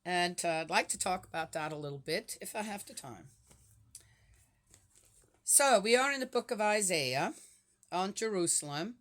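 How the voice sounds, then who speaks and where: A woman's voice: on the low side, expressive, normal speed, long pauses. A woman, talking casually to viewers in a rambling way and firing rhetorical questions at them. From Switzerland. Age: 60s. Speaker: vlogger reading the Bible. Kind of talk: casual chatty monologue.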